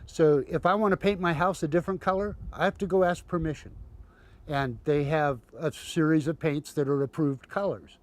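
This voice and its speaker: Resident guy with a higher voice, kinda wry. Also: steady tone, moderate pace. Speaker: local resident. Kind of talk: interview.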